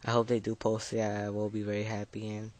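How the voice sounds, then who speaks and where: A fifteen-year-old boy who makes gaming videos gives casual gameplay commentary in a lowish, darkish voice with a brisk, completely flat delivery. He sounds nervous, mumbling and hesitating, and his braces slightly slur his words.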